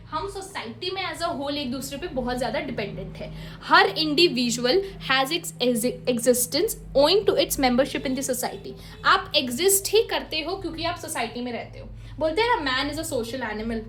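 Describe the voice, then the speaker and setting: A woman law teacher giving a lecture. She explains each point by repeating it and reads her English notes slowly. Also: high voice, a bit bright. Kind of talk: lecture in mixed Hindi and English.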